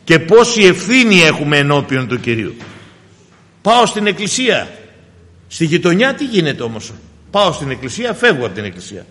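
Fervent preacher in a reverberant hall. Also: male voice, sing-song, fairly bright tone. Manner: fervent, addresses the congregation as brothers, rises in emphatic bursts and drops low. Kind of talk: sermon with personal testimony.

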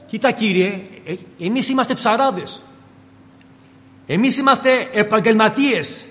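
A man's voice: high voice, fairly bright tone, long reverb tail, pitched above the performer's own voice. A preacher acting out a stubborn fisherman. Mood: stubborn, insistent. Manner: insistent, lecturing, rising emphatic delivery.

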